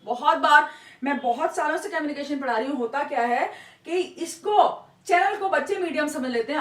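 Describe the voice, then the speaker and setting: A woman's voice: high-pitched, a bit bright, distant mic. A woman teacher explaining step by step, mixing English terms into her lecture and checking in often with her class. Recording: echoey room, voice from off-mic.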